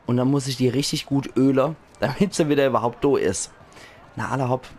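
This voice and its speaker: A hoarse man with a Palatinate German accent, chatting enthusiastically as he comments on a video game. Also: mid-range voice, steady tone, brisk, a little mellow. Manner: chatty, enthusiastic, laughs often. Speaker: let's play host. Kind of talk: casual gaming commentary.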